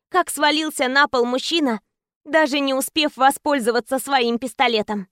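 A woman's voice: high voice, a bit bright, dry recording, studio quality. A woman narrating a tense first-person story as an audiobook reader.

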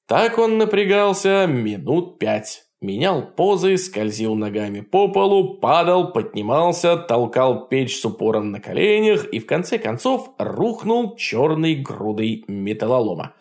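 A male audiobook narrator reading a first-person tale with a dry, wry humor. His voice sits a little high and moves with very lively rises and falls, keeping the storytelling animated. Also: unhurried, few pauses.

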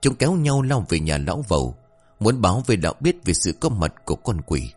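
A man tells a folk ghost story with a lowish voice that swings widely in tone. His narration is lively and expressive. Soft music runs underneath. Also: fairly quick.

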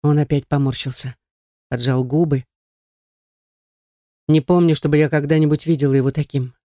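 A male audiobook narrator reading a first-person story in a measured, even way. His voice sits a little high and sounds warm and mellow. The recording is dry and close, with no room echo.

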